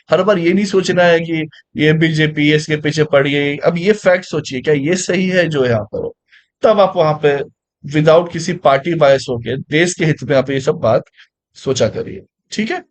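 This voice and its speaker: A man teaching a current affairs lesson in a conversational way, asking listeners rhetorical questions and mixing English phrases into his speech. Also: fairly high pitch. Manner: mixes English phrases into Hindi; reads English lines slowly. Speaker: exam coaching teacher.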